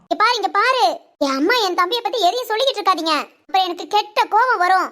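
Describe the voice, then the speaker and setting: A woman voicing a sharp-tongued young wife in a Tamil cartoon, bickering and theatrically complaining. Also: extremely high pitch, lively intonation, fast, heavily acted. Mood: scolding. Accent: Tamil Nadu Tamil. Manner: bickering, dramatic. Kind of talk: cartoon voice acting.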